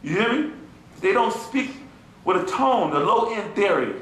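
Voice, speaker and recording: A man teaching an informal class to a small audience. He talks in an animated, mocking way and keeps asking his listeners "you feel me?". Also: high voice, moderate pace. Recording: echoey room with faint ambient noise.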